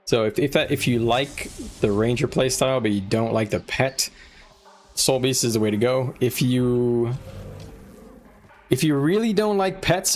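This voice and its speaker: In a mid-range voice with a darkish tone, a male streamer talks informally to his viewers. He thinks aloud, offering gameplay advice in a conversational live-stream chat with music in the background.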